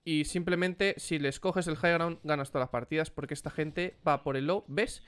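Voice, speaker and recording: A man hosting a casual gaming chat, animated and swearing as he exclaims over the gameplay. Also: on the high side, normal speed, smooth. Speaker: streamer host.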